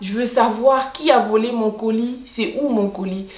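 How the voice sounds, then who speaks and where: A woman's voice: on the high side, normal speed. Chatty woman vlogger in an echoey room. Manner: animated, indignant storytelling with many fillers. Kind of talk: storytime vlog, casual chat.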